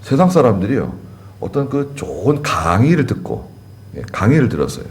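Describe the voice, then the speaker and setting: A man's voice: on the low side, very animated, normal speed. A man pastor preaching a sermon in a conversational way, repeating key words and asking the congregation questions. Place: church sanctuary.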